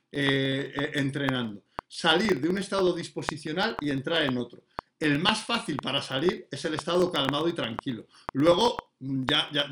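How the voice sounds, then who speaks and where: A man teaching dog training in a casual, explanatory way, with many fillers and restarts. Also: on the high side. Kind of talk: casual spoken lesson. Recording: noticeable background noise.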